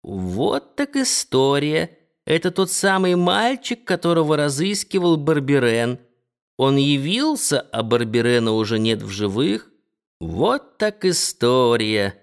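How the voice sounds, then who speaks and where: A man reading an audiobook and voicing a deaf, fussy old woman innkeeper who talks slowly and shakily. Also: medium pitch, sing-song, creaky, smooth, exaggerated voice. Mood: lamenting.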